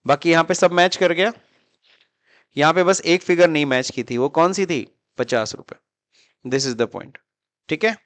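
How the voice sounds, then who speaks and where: A male accounting teacher from India lecturing in Hindi sprinkled with English terms, checking in with his students through constant little questions. His voice sits a bit high, and the recording is close and dry with no room echo. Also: measured pace, long pauses, fairly bright tone. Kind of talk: classroom lecture.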